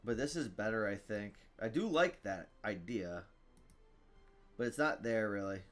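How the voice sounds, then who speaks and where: A man's voice: lowish voice, measured pace, faint music behind. A man casually commentating his own card game, thinking aloud, reading item text and groaning at bad luck. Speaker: gaming streamer.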